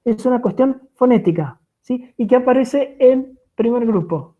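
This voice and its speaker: Argentine teacher lady explaining grammar, kinda high voice, patient, keeps asking "sí?", tinny call audio. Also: lively intonation, a little slow. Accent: Argentine Spanish. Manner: patient, checks in with frequent "¿sí?". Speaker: French language teacher. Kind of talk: online lecture explaining grammar. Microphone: video call.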